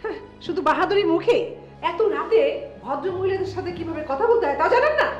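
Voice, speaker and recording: A woman plays a dismissive, mocking woman in a row, her voice very high. The room echoes and faint music plays behind her. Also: expressive, quick pace, dull audio. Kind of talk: TV drama acting.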